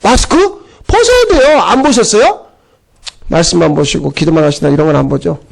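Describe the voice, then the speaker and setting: A middle-aged male pastor giving a conversational sermon, chatty and animated, acting out voices as he goes. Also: on the high side, brisk, vocal fry.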